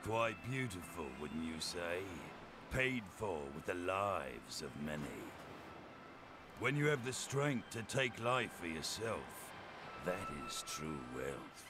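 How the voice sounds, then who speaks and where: An actor playing a weary, menacing old assassin boss, delivering a slow, booming villain monologue in a video game. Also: male voice, big pitch swings, background noise, exaggerated voice. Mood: grave, serene. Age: older.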